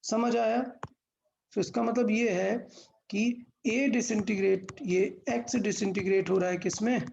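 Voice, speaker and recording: A woman's voice: mid-range voice, steady tone, unhurried, gravelly, darkish tone, muffled recording, a little hiss or hum. A woman teaching a physics lesson step by step, asking questions and answering them herself, mixing English terms into Hindi.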